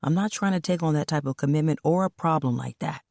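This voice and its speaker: A woman's voice: low voice, fast, vocal fry, warm tone, dry recording. A woman voicing a wary, streetwise young man with a dry, sarcastic way of talking, in a storybook reading.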